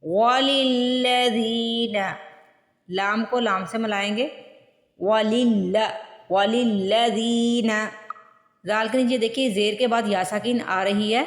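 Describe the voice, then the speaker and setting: A woman's voice: medium pitch, fairly even intonation. Patient woman teaching recitation, echoey room. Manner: patient, repeats words slowly to model pronunciation. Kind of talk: step-by-step tajweed lesson. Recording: echoey room with long reverb.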